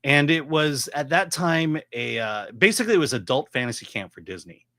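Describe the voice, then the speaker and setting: A middle-aged man giving casual movie commentary as a reviewer, explaining his opinions in a halting, opinionated way. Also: a little high, lively intonation, bright, forceful tone, dry recording. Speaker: film reviewer.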